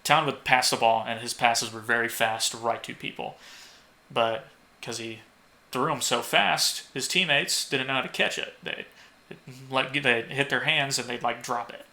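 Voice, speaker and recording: Gravelly, sharp-toned young man swearing. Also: mid-range voice, moderate pace. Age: young adult. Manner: rambling storyteller, swears a lot, acts out quotes loudly. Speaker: podcast co-host. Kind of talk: casual podcast chat.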